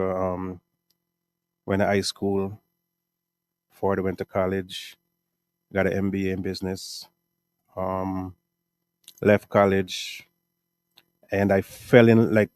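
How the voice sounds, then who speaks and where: A middle-aged man with a Guyanese accent answers interview questions in a relaxed, meandering way, punctuating thoughts with "right?" and "um." His voice sits on the low side and sounds dry and close to the mic. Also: no room sound. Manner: relaxed, rambling, frequent "right?" and "um". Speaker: music artist and producer.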